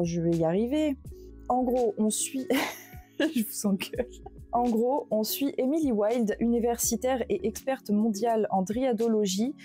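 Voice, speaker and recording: A woman's voice: mid-range voice, mellow. A young woman speaking in a chatty, self-mocking way, often laughing, reviewing books she has read. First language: French. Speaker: book reviewer. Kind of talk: casual book review vlog.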